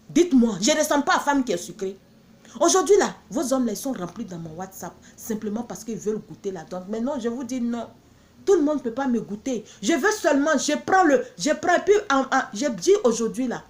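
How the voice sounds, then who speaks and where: A woman from Benin promotes her own products in a blunt, emphatic monologue packed with repeated catchphrases. Her voice sits a little high.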